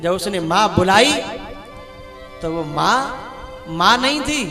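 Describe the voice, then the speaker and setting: Man preaching a katha sermon, high voice, emotional, music behind. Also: expressive. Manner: emotional storytelling, preachy, slow sung passages. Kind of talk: devotional sermon with bhajan singing. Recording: reverberant hall with music.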